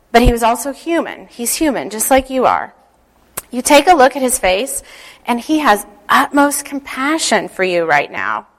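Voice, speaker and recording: A woman with a slightly high voice speaks as a church leader. She is gentle and instructive, taking her time as she guides listeners through devotional teaching and prayer.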